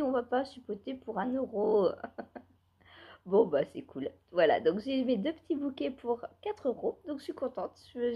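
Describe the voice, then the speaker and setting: A woman vlogger chats casually and rambles, with frequent laughs. Her voice is breathy and slightly high. The recording sounds somewhat dull. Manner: chatty, rambling, laughs often. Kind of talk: casual chat while knitting.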